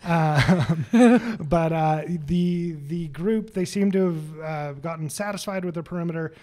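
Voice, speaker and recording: A man narrates a tabletop game as game master, chatty and upbeat. His voice sits a bit high, and his speech is loose and full of fillers. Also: a little slow, darkish tone.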